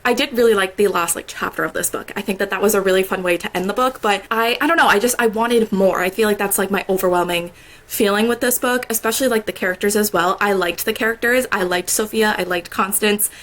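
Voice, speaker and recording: With a medium-pitched, slightly bright voice, a young woman vlogs casually about a book she's just finished. Congested from a recent sore throat, she chatters along, laughing often and leaning on "like" and "I don't know."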